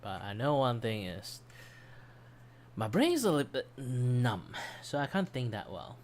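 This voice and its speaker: This streamer and commission artist has a medium-pitched, somewhat dark voice that swoops wildly in pitch, and he speaks a little slowly. Over background music, he rambles casually on his livestream with self-deprecating humor while losing his voice.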